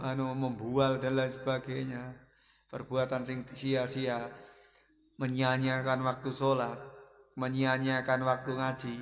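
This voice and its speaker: A man's voice: mid-range voice, gravelly. A man with a Javanese Indonesian accent teaching an informal Islamic lesson, switching between two languages and prompting his students with questions. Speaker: Islamic study group teacher. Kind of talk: informal religious lesson with questions to students and chanted Qur'an verses. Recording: echoey, reverberant hall.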